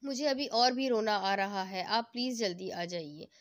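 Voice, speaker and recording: A woman's voice: medium pitch, normal speed, close to an everyday voice. A woman reading the lines of an affectionate, easily upset young wife. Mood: pouting, emotional. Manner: pouting, emotional.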